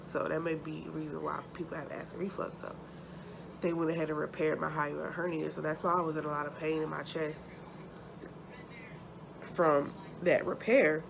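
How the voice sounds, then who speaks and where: A woman vlogger chatting casually and haltingly, sounding sore and uncomfortable after surgery. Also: low voice, little pitch movement, vocal fry. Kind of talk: casual chat, personal update to camera. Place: hospital room. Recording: noticeable background noise.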